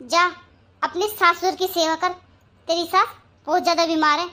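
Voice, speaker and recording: A woman's voice: extremely high pitch, steady tone, moderate pace, bright, forceful tone. A fretful older cartoon mother. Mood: scolding. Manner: scolding then fretting.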